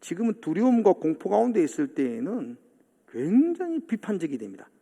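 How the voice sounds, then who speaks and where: A man preaches from a church pulpit. His voice sits high and swings widely in pitch as he acts out the disciples' complaints. The sanctuary leaves a long reverb trailing behind each phrase. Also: huge pitch swings, a little fast, warm tone, husky. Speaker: pastor. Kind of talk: sermon.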